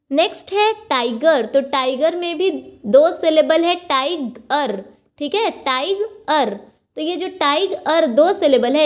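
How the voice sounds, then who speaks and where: A woman teaches grammar in a high voice, taking her time. She repeats each point patiently and spells words letter by letter. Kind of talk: explaining grammar lesson.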